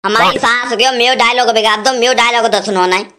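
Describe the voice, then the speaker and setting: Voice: mid-range voice, steady tone, fast, pushed and bright, lightly acted. A performer voicing an eager village man in a comic cartoon who insists on being heard, with a Braj rural Hindi accent. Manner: pleading, insistent. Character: eager village man showing off his dialogues.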